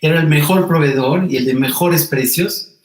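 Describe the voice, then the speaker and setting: A man's voice: a little high, moderate pace. Earnest man telling a personal story. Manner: earnest, emotional, with frequent restarts and repetition. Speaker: interview guest. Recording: roomy echo.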